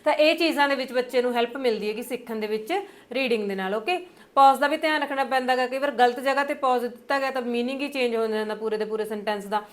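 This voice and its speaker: A young woman with a Punjabi accent gives an exam-prep lecture. Her voice sits a little high. She explains patiently, pads her points with fillers and slows down over the English terms. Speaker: teacher.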